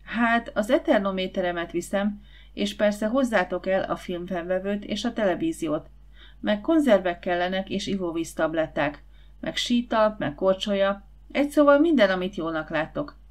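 A woman's voice: mid-range voice, natural voice. A woman narrator voicing a confident, eager schoolboy who leads his friends in a storybook. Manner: lively, confident, persuasive.

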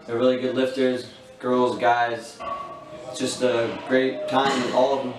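A man's voice: mid-range voice, monotone, a little slow, distant mic. A young man in his twenties, a powerlifter, talking casually and matter-of-factly about training. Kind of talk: casual gym interview. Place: large busy gym, indoors. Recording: roomy gym with crowd noise.

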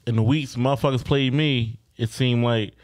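A man co-hosting a casual podcast chat, laid-back and halting, swearing casually. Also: medium pitch, steady tone, no echo. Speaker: podcast co-host. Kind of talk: casual chat among friends.

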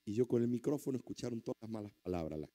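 A male pastor preaching a sermon through a lively story, with exclamations and sound effects. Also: medium pitch, rapid-fire.

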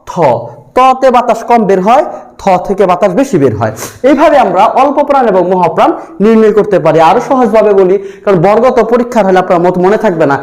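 A man with a high-pitched voice delivers a grammar lesson as a teacher. He works through the material methodically, saying each sound on its own before explaining it. He speaks close to the microphone. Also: a little mellow. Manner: methodical, repeats letters one by one while explaining.

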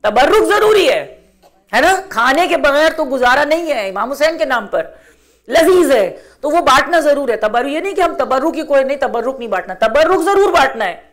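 A woman's voice: high-pitched, lively intonation. A middle-aged woman giving an earnest religious talk to a women's gathering, exhorting and repeating phrases for emphasis.

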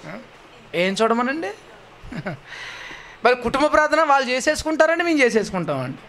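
A man's voice: extremely high pitch, sing-song, normal speed, bright, forceful tone. A man preaching a sermon, pleading and asking rhetorical questions, his voice rising and dropping sharply. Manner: pleading, rhetorical questions with sudden rises and drops.

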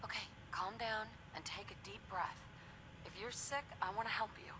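An actress playing a calm, helpful female hero in a video game, reassuring and composed. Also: mid-range voice, moderate pace, background noise, lightly acted.

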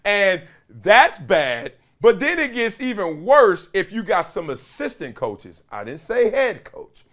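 A middle-aged man hosts sports commentary from a small studio, his voice sitting high with big pitch swings and a slightly bright edge. He tells stories at a measured pace, acting out quotes and gesturing broadly as he goes.

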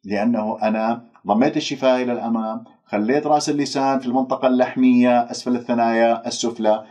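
A man teaching Quran recitation. He stretches out demonstration words slowly, then explains briskly. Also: medium pitch, fairly even intonation, a little mellow. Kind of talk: pronunciation lesson. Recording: dull lo-fi recording.

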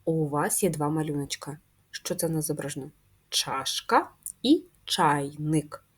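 Woman, first-grade teacher; low, husky voice, patient and slow, stretches each sound. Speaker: primary school teacher. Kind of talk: video lesson for first graders.

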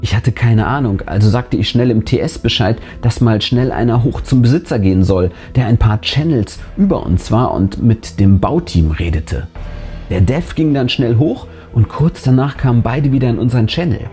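The narrator, who also hosts the channel, has a warm mid-range voice with lively intonation and speaks at normal speed. He reads a first-person horror script aloud with drama and suspense, and a music bed sits behind him.

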